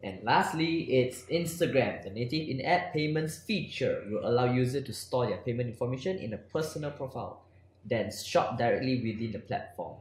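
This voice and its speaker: A man's voice: medium pitch, animated, moderate pace, echoey room. A man co-hosting a panel talk, reading tech headlines in a newscaster manner. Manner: newscaster-like delivery. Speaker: co-host.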